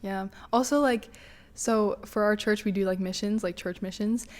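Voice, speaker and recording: A teenage girl chatting casually as a podcast guest, talking with many likes and quick giggles. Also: medium pitch, fairly even intonation, a little mellow. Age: teens. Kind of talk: casual chat.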